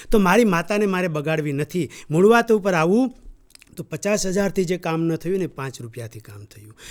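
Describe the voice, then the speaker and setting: A man with a notably high voice gives a training lecture to farmers. He tells stories and keeps asking his listeners questions to pull them in. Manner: storytelling with rhetorical questions to the audience. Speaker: agriculture trainer. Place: training hall.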